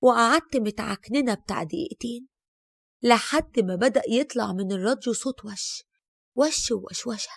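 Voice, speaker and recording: A woman's voice: on the high side, moderate pace, gravelly, breathy edge, no room sound. A woman with an Egyptian accent telling a dramatic first-person story, often exclaiming. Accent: Egyptian Arabic.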